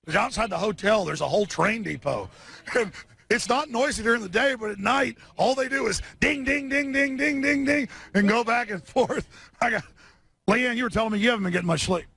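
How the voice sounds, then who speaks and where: A high, gravelly, bright-toned man hosting a live broadcast outdoors at a street rally. He rambles from point to point, restarting sentences constantly. He mixes biting sarcasm with giddy asides, sounding short on sleep. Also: a little fast. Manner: sarcastic, scattered, lots of restarts. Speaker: live-stream host.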